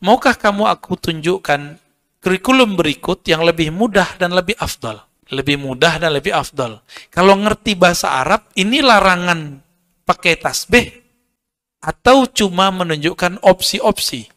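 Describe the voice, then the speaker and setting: A man's voice: sits high, animated, normal speed, fairly bright tone. A man giving an informal religious lecture, joking, chatting with the audience and quoting Arabic verses. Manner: joking, conversational, quotes Arabic and addresses audience as Pak. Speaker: Islamic preacher.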